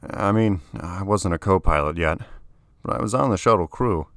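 A cocky, boastful rebel co-pilot with a deep, low voice, read by a man in his plain register. The sound is dry and close. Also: moderate pace, gravelly, dry recording.

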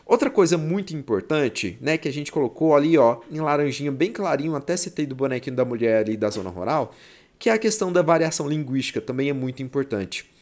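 Chatty young Goiás teacher. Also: male voice, on the high side, expressive, quick pace, a little mellow. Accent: Goiás Brazilian Portuguese. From Goiás, Brazil. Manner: chatty, slangy, playful. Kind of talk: exam-prep lesson.

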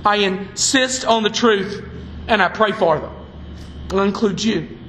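A man's voice: sits high, a little slow, a bit bright, reverberant, slight background noise, low-quality recording. A man preaching a sermon from the pulpit, fiery and emphatic. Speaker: pastor. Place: church sanctuary.

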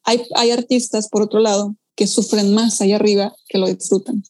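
A young woman, a pianist chatting casually and telling stories with lively quoted asides. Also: mid-range voice. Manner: animated storytelling, quick asides and acted-out quotes. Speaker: pianist guest. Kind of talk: casual conversation.

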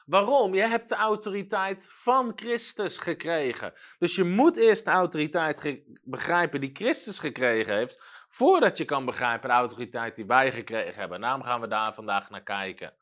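A man preaching a sermon, his voice of middle pitch rising into forceful emphatic lines. Between the loud passages he drops into soft, quiet storytelling asides, so his delivery swings widely. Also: animated, normal speed.

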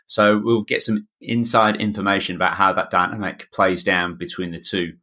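A man's voice: low voice, little pitch movement, moderate pace, sharp tone. A middle-aged man with a broad Yorkshire accent, hosting a podcast in an enthusiastic, wordy, chatty way. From north of England. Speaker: podcast host, swimming coach. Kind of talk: chatty podcast introduction and interviewing.

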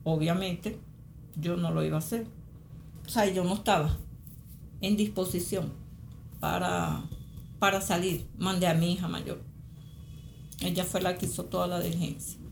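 A middle-aged Venezuelan woman giving spoken testimony as a mother, halting and repeating phrases. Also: on the low side, fairly even intonation, creaky, darkish tone, roomy sound, slight background noise. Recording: interview with music underneath.

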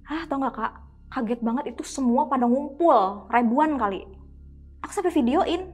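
In a podcast studio, a young woman with a high-sitting, slightly mellow and slightly rough voice tells a story from her own life at normal speed. Her style is casual and chatty, addressing the listener and performing quoted speech with abrupt exclamations.

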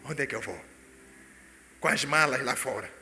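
A man telling a personal testimony, animated and breaking into sudden loud exclamations. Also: medium pitch, moderate pace, vocal fry, a little hiss or hum. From Angola. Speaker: speaker giving a personal testimony. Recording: echoey hall with faint music.

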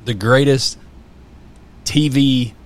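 A man's voice: mid-range voice, slow. A man chatting casually on a podcast, rambling with many fillers and restarts. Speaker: podcast guest. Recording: faint background noise.

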